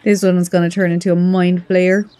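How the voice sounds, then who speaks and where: A woman's voice: on the low side, level tone, moderate pace, warm tone. A woman giving casual, chatty let's play commentary, reacting aloud as she plays.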